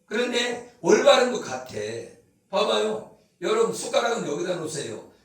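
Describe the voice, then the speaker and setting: A man's voice: high-pitched, very animated, normal speed. A man preaching a sermon as pastor, asking the congregation questions and acting out scolding voices. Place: church sanctuary. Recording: echoey hall, from far off.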